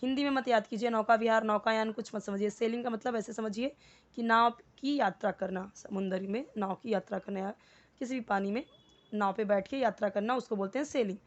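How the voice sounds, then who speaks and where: A woman with an Indian accent teaches English with a slightly high voice. She explains each word patiently and reads example sentences slowly and deliberately, like a tutor walking a beginner through a lesson. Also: dull audio. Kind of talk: step-by-step language lesson.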